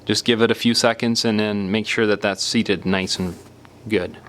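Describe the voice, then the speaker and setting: The repair tutorial presenter here has a fairly low, fairly bright voice with fairly even intonation and a normal speed. He narrates the how-to in a relaxed, unscripted, step-by-step way, with phrases that sometimes go unfinished.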